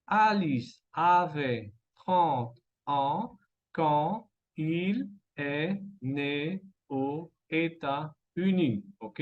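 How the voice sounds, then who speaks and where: Slow, patient man teaching French. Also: fairly high pitch, a bit bright, highs cut off. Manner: slow, repeats example sentences, frequent "¿ok?" checks. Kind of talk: language lesson.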